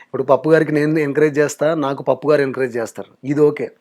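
Guy chatting frankly in an interview, kinda high voice. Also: steady tone, fast, a little mellow. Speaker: mimicry artist guest. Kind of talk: casual interview talk.

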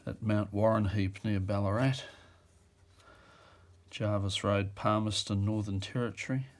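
Sitting at a table indoors, a man with a lowish voice describes auction items in casual, off-the-cuff commentary. He muses as he goes, using fillers and correcting himself.

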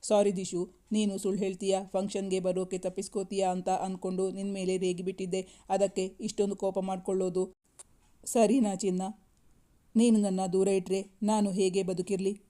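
A man's voice: high voice, completely flat delivery, normal speed, warm tone, close to an everyday voice. A storyteller voicing a young husband who tenderly coaxes his upset wife, speaking in an affectionate, pleading way. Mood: coaxing. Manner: coaxing, affectionate.

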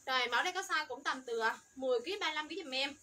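Rapid-fire high-voiced woman seller. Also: pushed and bright, a little hiss or hum. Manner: rattles off product codes and sizes, upbeat selling. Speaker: livestream clothing seller. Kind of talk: fast livestream sales pitch.

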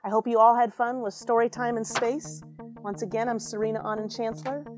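Reading briskly in a slightly high, steady voice, an American woman in her forties, an astronaut, delivers a children's picture book with dramatic emphasis and friendly asides to young listeners. She's in a small space station airlock filled with equipment, and faint music plays behind her.

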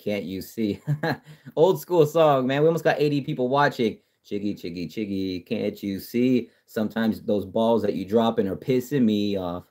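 A man with a fairly low voice hosts a loose, casual livestream, reading out viewer comments. He swears freely and talks trash, stumbling over restarts as he goes. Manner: profane, excitable, trash-talking, frequent restarts. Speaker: livestream host. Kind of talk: casual live-stream chat reading comments.

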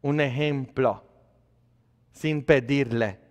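This priest, a man of medium pitch who draws out his words, gives a conversational sermon in church, quizzing his congregation and shifting between hushed asides and emphatic, loud lines. Long church hall reverb surrounds him.

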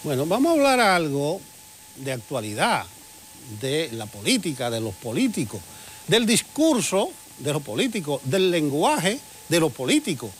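A man's voice: fairly high pitch, huge pitch swings, moderate pace, slight background noise. A man hosting a morning television interview, asking probing, conversational questions. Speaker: TV interviewer host.

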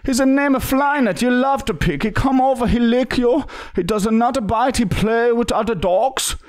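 A young man with a very high voice, speaking at normal speed, plays a pushy foreigner in broken English on a prank call, pleading and full of hesitant fillers. He records in a small indoor studio room on a boom-arm podcast mic.

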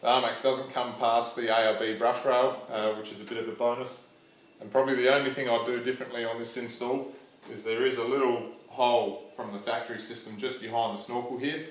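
A man's voice: mid-range voice, a little fast, reverberant. A young Australian man casually explaining a car part swap in a workshop shed, plain-spoken with plenty of ums. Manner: relaxed, plain-spoken, frequent ums and uhs. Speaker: vlogger. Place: large metal workshop shed.

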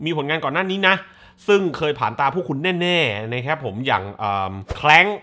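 Excitable man with a lively, bright voice. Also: fairly high pitch. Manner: excitable, exclaims and swears while reacting. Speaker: movie reaction host. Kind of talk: casual trailer reaction and commentary.

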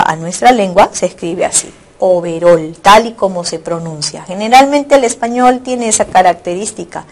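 Spanish teacher woman, patient explaining. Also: mid-range voice. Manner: explanatory, frequent tag questions; repeats and rephrases points. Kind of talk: recorded online lecture.

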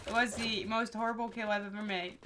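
Fairly quick and flat, her medium-pitched voice carries a Dutch accent as this young woman from the Netherlands streams a game, laughs, and reads chat aloud in casual chatter. There's clear background noise in the recording.

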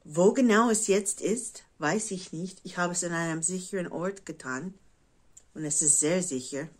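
A woman in her forties from the United States, a native English speaker with an American English accent in her German, chatting casually to camera and often pausing to search for words. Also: fairly low pitch. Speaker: craft vlogger. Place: living room at home, indoors.

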